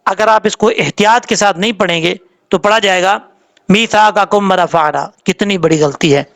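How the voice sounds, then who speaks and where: High-voiced man teaching careful recitation. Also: vocal fry, a bit bright. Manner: slow, deliberate syllable-by-syllable spelling, with drawn-out recited examples; patient, explanatory teaching tone. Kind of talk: tajweed lesson, spelling out letters and vowel marks.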